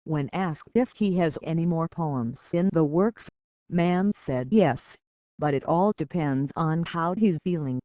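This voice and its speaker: News narrator reading a script, steady even tone, dry close sound. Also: mid-range voice, measured pace, no echo.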